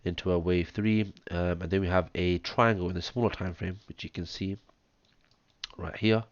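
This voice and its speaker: A man with a hoarse, chesty voice, talking step by step through a chart analysis on a close mic, counting out waves with many ums. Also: low-pitched, steady tone, normal speed, no room sound, muffled recording. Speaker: trading analyst. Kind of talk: screen-share chart analysis. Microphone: close mic, audible breathing.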